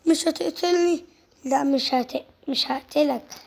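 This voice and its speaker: High, gravelly Egyptian woman voicing game scenes. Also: moderate pace, noisy background. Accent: Egyptian Arabic. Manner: lively, repeats phrases over and over. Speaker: channel host voicing game characters. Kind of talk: casual game-movie role-play narration.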